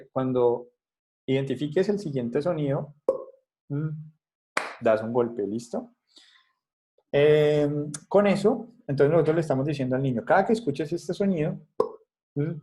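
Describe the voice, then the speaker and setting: Mellow-voiced man teaching an online class. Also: a little high, animated, normal speed, slight background noise. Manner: explanatory, checks in with frequent "¿vale?" and "¿sí?". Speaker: instructor. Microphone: video call.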